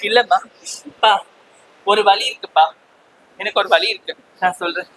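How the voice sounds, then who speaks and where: A man's voice: high-pitched, normal speed, sharp tone, a little hiss or hum, low-quality recording. An actor playing a young transgender woman who pleads with her parents and confronts her siblings, close to tears. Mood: anguished. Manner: pleading, anguished, sometimes crying. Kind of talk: family drama acting.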